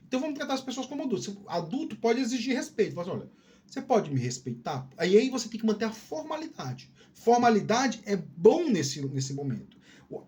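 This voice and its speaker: A man's voice: sits high, a little mellow. A middle-aged man with a Northeastern Brazilian accent who hosts a channel. He talks to camera in a candid, rambling way, with restarts and "né, cara" tags. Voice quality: drawling speech. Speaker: YouTube channel host. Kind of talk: casual solo talk to camera.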